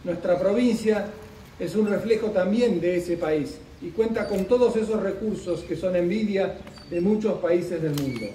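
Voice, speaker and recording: Middle-aged guy reading a solemn speech at an outdoor podium, highish mellow voice, picked up from far off, roomy. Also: slight background noise. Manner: measured, solemn delivery with deliberate pauses. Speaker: official speaker at a commemoration. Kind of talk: formal speech read from notes. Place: outdoor park gazebo at a ceremony. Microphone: podium microphone, recorded from a distance. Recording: roomy, distant open-air sound.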